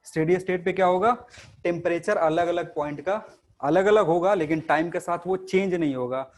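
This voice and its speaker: A man's voice: sits high, normal speed, a little mellow. A male teacher giving a classroom lecture to students. He asks questions and answers them himself, and he mixes English technical terms into his Hindi.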